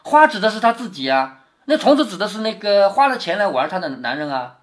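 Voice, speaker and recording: A man's voice: high voice, sing-song, brisk. A man reading a classic novel aloud to his daughter, stopping often to explain it and check that she follows. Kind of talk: storytelling with explanations.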